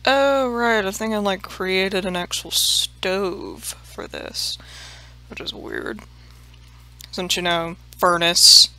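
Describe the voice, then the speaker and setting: Woman rambling through a let's play, bright edgy voice w a bit of vocal fry, swears a lot, mutters asides, faint music behind. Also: medium pitch, lively intonation, slow pace. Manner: rambling, self-mocking, swears freely; drops into murmured half-whispered asides. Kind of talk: casual gameplay commentary.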